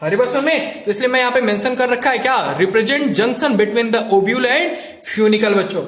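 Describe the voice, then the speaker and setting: High-pitched guy teaching biology, keeps asking the class questions, roomy echo. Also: animated, moderate pace, fairly bright tone. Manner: repetitive, quizzing students with questions. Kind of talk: classroom lecture.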